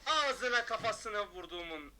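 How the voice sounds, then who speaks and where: A man streaming a shooter game, taunting opponents with loud mocking shouts and quick low asides to his chat. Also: lively intonation, a little hiss or hum. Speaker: gaming streamer. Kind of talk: excited gameplay commentary.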